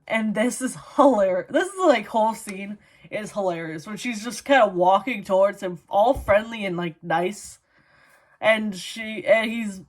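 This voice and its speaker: Unhurried Minnesotan woman chatting about books. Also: medium pitch. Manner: chatty, laughing, full of "like" and "you know". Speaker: book vlogger. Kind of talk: casual book review chat.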